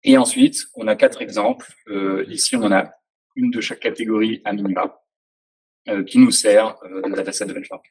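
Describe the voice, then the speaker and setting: A man's voice: on the low side, steady tone, normal speed, a little mellow, breathy edge, low-quality recording. A man giving a casual technical presentation, hesitant, with many fillers and restarts. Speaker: presenter at a tech talk.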